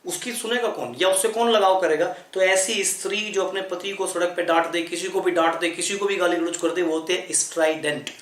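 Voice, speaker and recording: This English vocabulary teacher has a high-pitched, fairly bright voice and talks a little fast with few pauses. He repeats words, spells them out letter by letter, and asks rhetorical questions, all in an echoey room.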